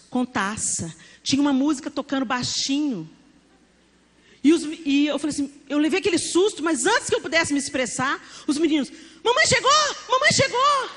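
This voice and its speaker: A middle-aged woman with a Brazilian accent preaching a sermon, telling family stories with animated acted-out dialogue. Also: sits high. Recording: long hall reverb, faint background noise.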